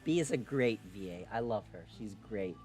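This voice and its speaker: A man hosting a live stream, chatting casually and excitably as he plays a game, now and then swearing. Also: on the low side, moderate pace, faint music behind. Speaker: streamer and host.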